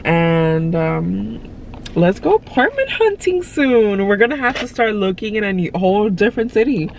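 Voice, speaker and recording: This congested young woman has a medium-pitched, gravelly voice with a sing-song lilt and a moderate pace. She vlogs from a parked car in a rambling, filler-heavy casual chat, filmed on a phone held at arm's length, with faint car noise behind her.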